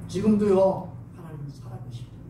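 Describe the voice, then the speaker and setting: A male pastor preaches with a high, animated voice, coaxing his listeners to answer back. He sounds far from the mic, with the sound ringing through a very echoey church sanctuary under a faint hiss. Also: fairly quick. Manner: lively, coaxing the congregation to respond. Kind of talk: sermon.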